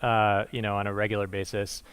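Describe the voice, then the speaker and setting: A man's voice: lowish voice, flat delivery, a little fast, fairly bright tone, clear, resonant tone. A man giving a conversational conference presentation, with frequent fillers and restarts and a dry, self-deprecating humor. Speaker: conference speaker.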